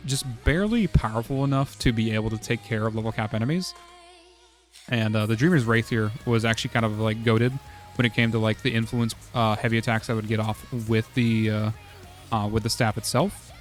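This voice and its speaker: A man going hoarse late in a long stream, talking through game builds in a loose, rambling way. His pitch sits in the middle range, and his sentences trail off in fillers and restarts. Soft music plays faintly behind him. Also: steady tone, moderate pace. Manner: rambling, full of "uh" and "like". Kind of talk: casual game strategy talk.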